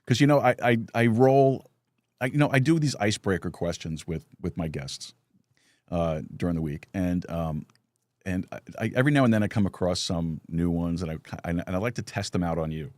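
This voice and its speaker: A middle-aged man hosts a relaxed live conversation, his voice sitting very low. He tells stories loosely, restarting phrases and chuckling along the way. The sound is dry and close. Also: a little fast, no room sound. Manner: storytelling with lots of restarts and chuckles. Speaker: podcast host. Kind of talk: casual live chat.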